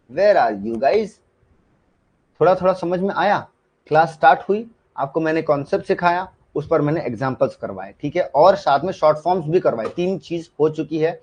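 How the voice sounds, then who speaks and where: Running a live online shorthand class, a man speaks in a somewhat high, slightly mellow voice. His manner is loose and chatty; he repeats himself and checks whether students are following. The recording is dull and lo-fi.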